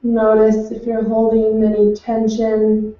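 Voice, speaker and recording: A woman leading a guided meditation, speaking in slow, soothing, unhurried instructions from far off in an echoing room. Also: fairly high pitch, monotone, warm tone. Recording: distant, echoey and dull.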